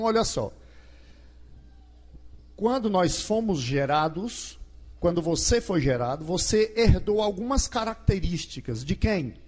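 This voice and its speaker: Lively, high-voiced Brazilian preacher. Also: male voice, slightly rough. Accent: Brazilian Portuguese. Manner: asks the crowd questions and acts out scenes. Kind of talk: lively sermon. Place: large gymnasium.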